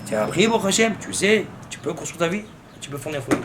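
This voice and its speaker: A rabbi preaches with fervor, his fairly high voice leaping and falling across a lively range. He fires off rhetorical questions and drops Hebrew terms into his sermon. A faint room hiss sits under the voice. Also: fast. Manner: impassioned, with sudden rises and fervent rhetorical questions.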